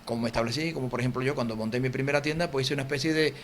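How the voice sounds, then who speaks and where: Fast-talking Andalusian man, TV guest. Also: medium pitch, slight background noise. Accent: Andalusian Spanish. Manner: fast, animated, acts out quotes and sounds. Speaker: author, interview guest. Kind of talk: TV interview, casual explanation. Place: local TV studio.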